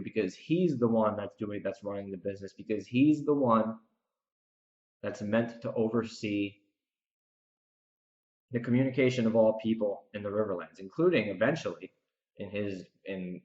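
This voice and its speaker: Recorded in an echoey room with dull audio, a man with a lowish voice delivers a solo podcast recap, part reflection and part rant. As a host and author, he speaks with emphasis and repeats phrases to drive his points home.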